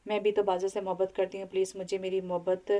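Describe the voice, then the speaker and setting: A woman's voice: mid-range voice, flat delivery, fast talker, warm tone, muffled recording, close to an everyday voice. A woman narrator voicing a spiteful, jealous young rival woman who speaks with contempt and turns to pleading, in a storybook reading. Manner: hissing contempt, pleading when cornered.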